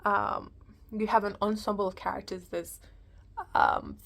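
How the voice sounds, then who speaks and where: A woman's voice: medium pitch, steady tone, a little slow, a bit bright. A woman giving a casual, unscripted film review, hesitant and rambling as she thinks aloud.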